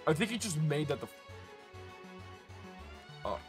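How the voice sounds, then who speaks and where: Male streamer, casual live game commentary, bright-ish voice, very animated pitch, swears a lot. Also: unhurried, music in the background. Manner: chatty, swears, laughs, talks to chat.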